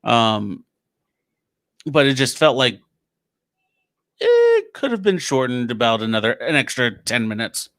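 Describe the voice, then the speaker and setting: A young man with a bright, forceful voice talks about a film in an easygoing way, stumbling and restarting now and then. The recording is close and dry. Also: mid-range voice, huge pitch swings, a little slow, long pauses, no echo. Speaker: podcast co-host. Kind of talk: casual movie review chat.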